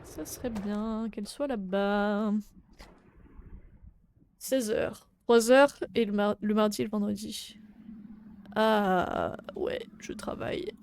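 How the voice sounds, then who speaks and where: A young adult woman streaming a game, chatting casually with viewers in French, swearing and breaking into sudden loud exclamations. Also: medium pitch, takes it slowly, pauses often, background noise. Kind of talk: casual live game commentary.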